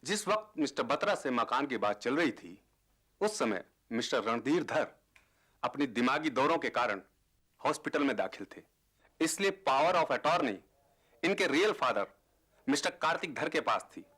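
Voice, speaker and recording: An actor playing an opposing lawyer who argues formally and dismissively in court. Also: male voice, mid-range voice, lively intonation, moderate pace, a bit bright, husky.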